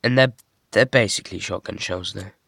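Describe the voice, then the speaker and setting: A young man casually showing off a toy model he built, talking in a monotone with many fillers and restarts. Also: fairly low pitch, fairly quick, gravelly, no echo, studio quality. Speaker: hobby builder showing a model. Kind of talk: casual show-and-tell.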